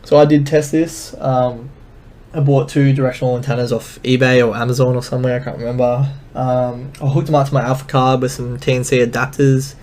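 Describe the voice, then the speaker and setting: A man's voice: medium pitch, level tone, brisk, a little mellow. A man giving a casual technical lesson over slides, explaining loosely with many filler ums. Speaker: instructor.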